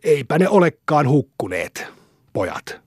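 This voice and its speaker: A man's voice: fairly high pitch, sing-song, a little mellow, slightly rough, no room sound, studio quality. A man reading aloud, voicing a sullen, evasive peasant man who mutters and grumbles. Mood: grumbling.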